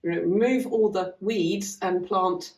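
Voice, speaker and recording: Speaking in a mid-range, slightly mellow voice with measured pace and fairly even intonation, a podcast guest describes her farm, where she runs a learning hub. She's chatty, rambling and self-deprecating. The setting is a half-open converted cart lodge, with room echo and a far-off microphone.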